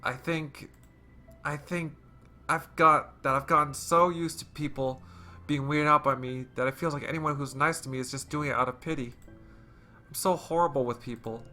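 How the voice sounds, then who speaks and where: A man reading a shy teenage girl's lines from a game, halting and unsure of herself. His bright voice stays quiet, with faint music behind it. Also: a little high, steady tone, voice pushed up. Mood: hesitant. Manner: hesitant, halting confession. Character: shy, self-loathing teenage girl. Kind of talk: reading game dialogue aloud.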